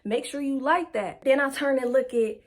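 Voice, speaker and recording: A young woman casually telling a personal story, slangy and animated, acting out what people said. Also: sits high, moderate pace. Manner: animated, slangy, acts out quotes.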